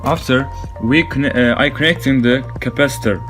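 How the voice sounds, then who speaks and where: A man from Turkey with a Turkish accent, a vocational student haltingly narrating how he assembles a circuit, in broken English. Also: mid-range voice, a bit bright. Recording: clear music behind voice.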